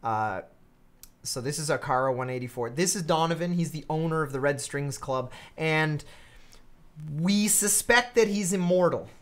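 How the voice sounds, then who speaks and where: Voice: medium pitch, lively intonation, moderate pace. A game streamer giving casual let's-play commentary, chatty with frequent laughs and fillers.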